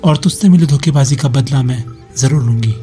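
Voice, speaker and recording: A man voicing the vengeful ghost of a murdered wife, now a witch, speaking slowly and with menace. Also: warm tone, soft background music, lightly acted. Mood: menacing. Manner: menacing, slow and low. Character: vengeful female ghost witch in red sari.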